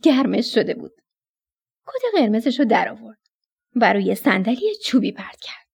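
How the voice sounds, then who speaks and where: A woman narrating a children's bedtime story on the radio, affectionate and animated as she addresses the kids. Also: a little high, vocal fry, slightly rough.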